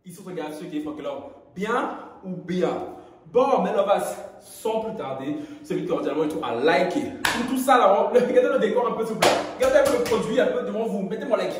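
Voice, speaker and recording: A man's voice: brisk, background noise. A young man chatting casually in a gossip vlog, playful and laughing often, recorded on a phone in his bathroom at home. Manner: playful, laughing often, animated swings in pitch. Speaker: gossip YouTuber. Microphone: camera or phone while doing skincare. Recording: very echoey room.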